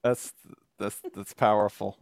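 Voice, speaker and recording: A man co-hosting a podcast in casual chat, animated and quick to laugh. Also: fairly low pitch, gravelly, a crowd in the background. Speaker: podcast co-host.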